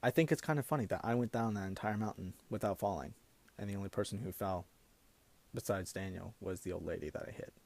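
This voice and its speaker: Gravelly-voiced man telling a funny story. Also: sits low, quick pace. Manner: animated, breaks into laughter while telling. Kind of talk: comedic personal storytelling.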